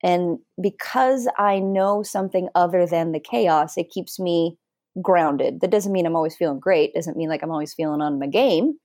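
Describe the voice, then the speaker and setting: A woman's voice: lowish voice, normal speed, a little mellow, no echo, clean studio sound. Candid rambling woman podcast co-host. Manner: rambling and candid, with frequent fillers and self-corrections. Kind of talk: casual conversational podcast chat.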